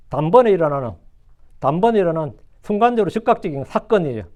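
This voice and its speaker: High-voiced man preaching a sermon. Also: darkish tone. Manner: repeats phrases and asks rhetorical questions; mixes English phrases into his preaching. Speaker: pastor.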